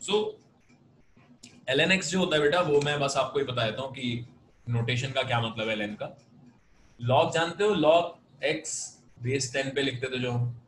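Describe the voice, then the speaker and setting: A man's voice: medium pitch, unhurried, fairly bright tone, roomy sound, slight background noise. A man with an Indian accent teaching a math class over a video call, explaining patiently and switching between Hindi and English. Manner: patient, explanatory, mixes Hindi and English, calls students "beta". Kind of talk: online class lecture.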